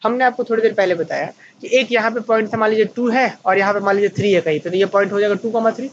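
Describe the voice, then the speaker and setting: A man with an Indian accent teaching a maths class, asking questions and answering them himself and slowing down to dictate notes. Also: sits high, dull audio, slight background noise. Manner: slows right down to dictate notes. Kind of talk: online maths lecture at a whiteboard.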